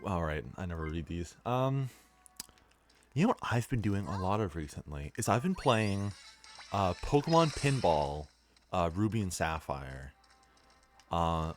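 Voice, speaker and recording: A young man rambling casually with lots of fillers while commenting on his gameplay as a let's play host. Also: low-pitched. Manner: rambling, laid-back, many fillers.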